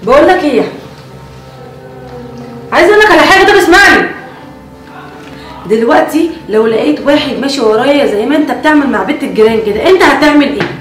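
A woman's voice: sits high, animated, quick pace, long pauses, reverberant, rough recording. A woman with an Egyptian accent playing a young woman who lectures and scolds her brother in a family web drama. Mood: scolding. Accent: Egyptian Arabic. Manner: nagging, lecturing.

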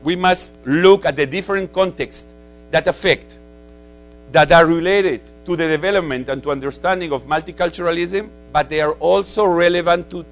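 Spanish-accented guy giving a talk, bit high voice, faint music and hum behind. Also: low-quality recording. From Peru. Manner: conversational, frequent "you know" fillers, repeats words. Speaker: lecturer. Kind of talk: conference lecture.

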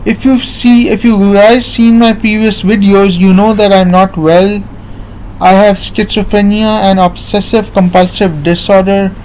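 Seated in an armchair in a small room at home, a Pakistani vlogger in his late twenties rambles to his webcam in a casual monologue, repeating himself and using lots of fillers. His voice is fairly high and slightly mellow. The built-in mic is close, but the recording is low-quality with some background noise.

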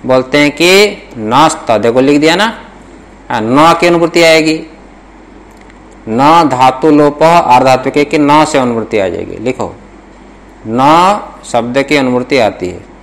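Guy teaching sanskrit grammar, talks slow, keeps repeating stuff n quizzing the class. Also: mid-range voice, lively intonation. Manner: quizzing students, repeating points for dictation.

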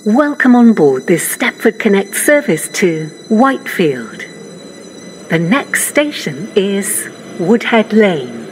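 A woman's voice: mid-range voice, very animated, slow, noisy background. Woman's spliced-together train announcements. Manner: stilted, pieced-together phrasing. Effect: spliced-together recorded words.

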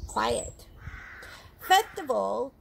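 Woman as a slow, creaky sock-puppet lady reporter. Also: a little high, very animated, heavily acted. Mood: prim, chatty. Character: crowned female sock-puppet reporter, prim, chatty, easily flustered. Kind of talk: comic puppet interview. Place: outdoors in a garden. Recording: outdoor garden noise with birdsong.

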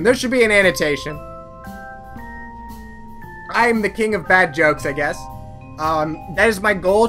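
Let's play host, bright voice, rambling, self-mocking casual commentary. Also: medium pitch.

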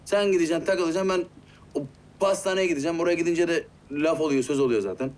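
A man's voice: on the high side, quick pace, darkish tone, close to an everyday voice. An actor playing a touchy man who answers defensively and sarcastically, sulking. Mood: sulky. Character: sulky, touchy man who pretends not to care. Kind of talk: TV series acting.

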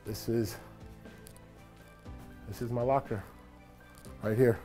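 A man's voice: mid-range voice, takes it slowly, over loud music. A man in his forties, a former football player, casually recounting memories while walking through an empty locker room and stadium. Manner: relaxed, reflective, animated when greeting a friend. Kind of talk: casual storytelling walk-and-talk.

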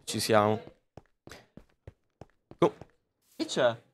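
A man's voice: lowish voice, wildly swooping pitch, very slow, fairly bright tone. A man livestreaming from a booth at a comics convention, talking casually and directly to his viewers through a podcast-style microphone. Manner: chatty, addresses viewers directly. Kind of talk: casual live-stream chat.

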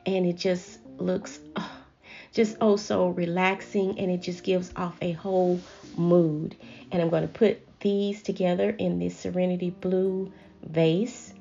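A woman hosting a home decorating channel, gently chatting viewers through each step in a voice-over. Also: fairly low pitch, level tone, a little slow, gravelly, muffled recording. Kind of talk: voice-over narration of a decorating video.

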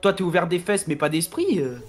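A man's voice: sits high, very animated, fairly quick. A man in casual stream banter, teasing and arguing.

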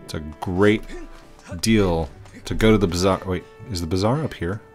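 A man's voice: deep voice, steady tone, moderate pace, darkish tone, faint music behind. A middle-aged man giving casual let's-play commentary and reading game text aloud into a headset. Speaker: game streamer.

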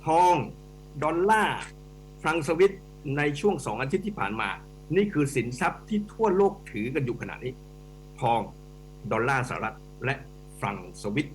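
A middle-aged man with a fairly high voice gives animated, emphatic commentary as a guest on a radio talk show. He turns to address the hosts directly as he explains. A faint electrical hum runs under the studio recording. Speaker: economics professor guest.

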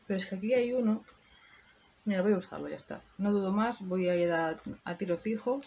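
A woman's voice: medium pitch, a little fast, dark tone, slight background noise. A woman talking viewers through a makeup tutorial in a chatty way, thinking aloud as she works. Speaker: beauty vlogger. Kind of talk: casual makeup tutorial chat.

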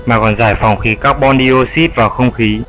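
In an educational cartoon dub, a man voices a wise old grandfather bat who patiently explains things. His medium-pitched, fairly bright voice sounds close to everyday speech, with fairly even intonation and a moderate pace. The audio is poor, carrying a little hiss or hum.

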